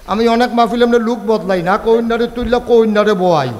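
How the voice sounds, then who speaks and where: Male preacher, high voice, sing-song storytelling sermon, long hall reverb. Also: a little fast, slight background noise. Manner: sing-song, animated storytelling, calls crowd to answer. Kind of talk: Bengali village sermon (waz).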